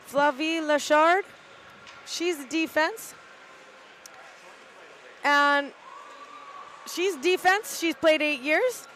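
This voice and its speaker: A middle-aged woman giving casual, halting live play-by-play commentary from an arena balcony, with lots of "uh" fillers. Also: high voice, fairly bright tone, slight background noise, low-quality recording. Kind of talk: live amateur sports commentary. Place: arena balcony above the rink.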